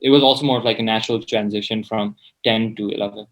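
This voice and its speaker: On a low-quality recording, a Nepali student of seventeen talks quickly in a fairly low, steady voice. He's an interview guest chatting casually, hesitant and informal, and he keeps saying "like."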